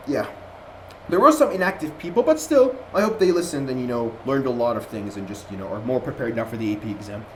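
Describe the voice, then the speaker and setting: A young Jordanian man with an American accent runs a casual online review session as a student lecturer, talking fast and expressively in a mid-range voice. His rambling, chatty delivery is full of fillers and restarts. The recording from his computer mic on the voice call is rough, with slight background noise.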